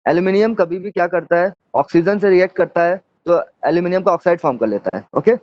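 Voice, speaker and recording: A high-pitched man teaching an online class, walking through each point and pausing with check-in questions. The sound is dry and a bit dull, like lo-fi online audio. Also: no room sound. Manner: explains step by step with frequent check-in questions.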